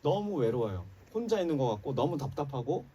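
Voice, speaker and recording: Recorded at a distance in a church sanctuary with a little hiss or hum, a pastor gives a fervent Sunday sermon. His slightly high, warm voice is very animated and a little fast, rising and dropping for emphasis as he speaks directly to the congregation.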